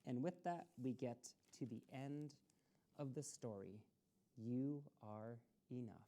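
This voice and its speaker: With a very deep, dark voice, a woman slowly reads a picture book aloud on a community TV storytime. She talks right to the children from the studio and encourages them along the way.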